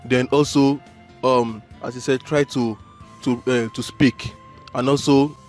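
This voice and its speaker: An easygoing man adds his thoughts to a casual group interview, agreeing readily and pausing on fillers as he goes. His voice is mid-pitched, with faint music behind. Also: steady tone. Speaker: student interviewee.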